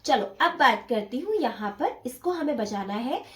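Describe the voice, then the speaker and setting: High-voiced woman teaching dholak, echoey room. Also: sing-song, normal speed. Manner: patient, counts beats aloud. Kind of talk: step-by-step music lesson.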